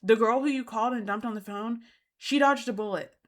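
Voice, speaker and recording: A woman with a slightly high voice hosts a reality TV recap. She talks indignantly and emphatically and often repeats her points to drive them home. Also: fairly quick. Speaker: host.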